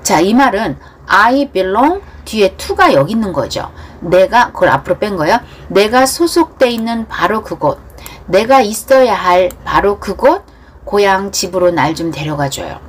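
A woman teaching English through a pop song, repeating lyrics slowly line by line and then explaining them in quick bursts. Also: medium pitch, breathy edge.

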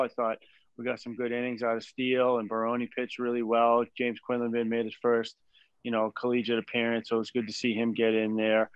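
A man in his forties, a head baseball coach, answering press questions after a game in a measured way with many fillers and restarts, over a video call from a small room. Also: mid-range voice, dry recording. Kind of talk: postgame press conference. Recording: dull dry video call audio.

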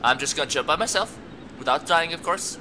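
A young man giving let's play commentary, excitable and talking to the game's characters as he plays. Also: fairly high pitch, brisk, slight background noise. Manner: excitable, talks to the game characters, laughs a lot. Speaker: gamer.

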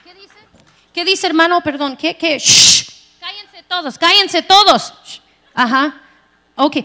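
A woman voicing a flustered husband on a phone call, hushing the house loudly and hurrying. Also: sits high, exaggerated voice. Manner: loud, hurried, repeated hushing.

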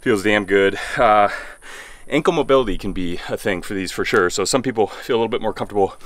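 This workout voice-over comes from a thirtysomething man playing a fitness coach at an outdoor home gym next to a garage. He speaks quickly in a lowish voice, relaxed but eager as he explains the exercises, with no room sound.

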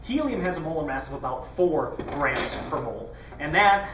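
A man casually walks through a chemistry demonstration, his voice a touch higher than most and explanatory in tone. He is picked up from well across an echoey room, with a faint hum of background ambience. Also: very animated, fairly quick. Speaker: science demonstrator. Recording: roomy echo, mic far off.

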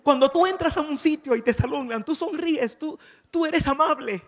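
At a moderate pace and with a voice that sits high, a woman preaches a light, chatty sermon to a church conference crowd, regularly asking them questions. Long reverb from the large hall trails her words.

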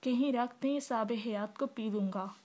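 A woman reading the lines of a proud young husband who answers in a sharp, clipped way in a novel. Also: medium pitch, steady tone, normal speed, close to an everyday voice. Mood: curt.

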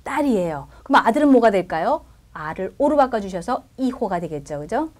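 A woman's voice: medium pitch, sing-song, moderate pace, a little mellow. A woman teaching Spanish in a recorded lesson, explaining step by step and often checking in with her listeners.

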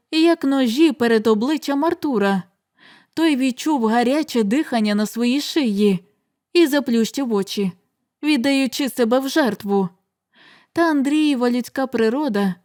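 A woman reads a horror audiobook aloud in a slightly high voice. Her delivery is measured and dramatic. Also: a little mellow. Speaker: audiobook reader. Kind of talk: audiobook narration.

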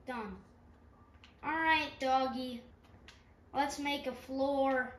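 Speaking extremely slowly in a high voice with a steady tone, a gaming channel host with a stuffy nose gives rambling, self-mocking let's-play commentary. A distant mic captures her in a roomy space with a faint background hum.

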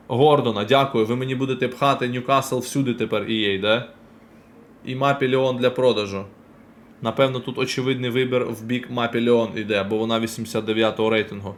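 Male streamer, casual pack-opening chatter, talks to chat, mid pitch, faint hiss behind. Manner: chatty, addresses chat directly, quick reactions. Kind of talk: casual live-stream commentary while opening packs.

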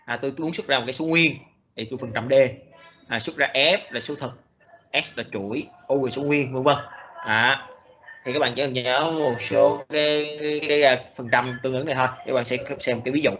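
A man giving a recorded programming lecture, speaking haltingly with many fillers and restarts. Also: mid-range voice, steady tone, sharp tone, dull audio.

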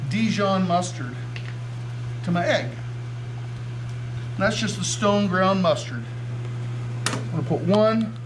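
A man's voice: sits high, slow, long pauses, noisy background. A man in his forties hosting a cooking show, chatting enthusiastically to viewers as he cooks in a kitchen. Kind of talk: casual cooking demonstration. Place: home kitchen studio, indoors.

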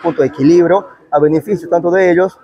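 A man in his thirties with a Peruvian Spanish accent answers a news interview as a town councillor, speaking fast with a fairly even intonation. His voice sits on the high side with a dark tone, and the recording from his clip-on lapel mic in a covered market sounds muffled.

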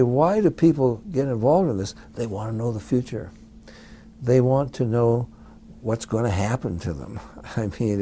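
A man speaks in an interview, animated and folksy, with little laughing asides. His voice has a mellow, dark tone at a middle pitch.

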